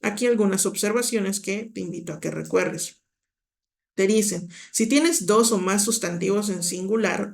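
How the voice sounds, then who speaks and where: A woman's voice: medium pitch, creaky. A woman teaching an exam-prep grammar lesson, patiently explaining and talking directly to the student with checking questions.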